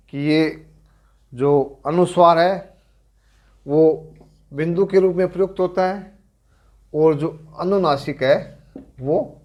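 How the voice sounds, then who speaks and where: A middle-aged man with a Rajasthani accent, giving a grammar lecture as a teacher, explaining slowly and deliberately and correcting himself as he goes. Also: fairly high pitch, a little mellow. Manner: slow, deliberate explaining with pauses and self-corrections.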